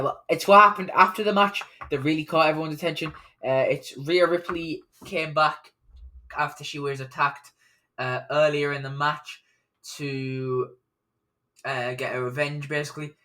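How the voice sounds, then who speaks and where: A man's voice: fairly high pitch, unhurried, pushed and bright. Man, casual wrestling recap, off-the-cuff, lots of uh and um, corrects himself mid-sentence. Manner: rambling, many fillers and self-corrections. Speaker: wrestling show recap vlogger.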